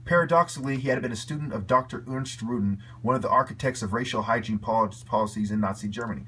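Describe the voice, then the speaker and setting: A man's voice: mid-range voice, quick pace, fairly bright tone. Brief: adult male commentator, heated swearing rant delivered in a mid-range voice, with a faint hiss underneath. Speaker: video commentator. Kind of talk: angry profane rant.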